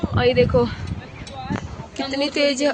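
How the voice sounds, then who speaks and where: A young woman vlogging on her phone from a windy village rooftop, her voice hoarse from shouting, chatty and wistful, repeating herself. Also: sits high, little pitch movement, takes it slowly. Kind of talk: casual vlog chat.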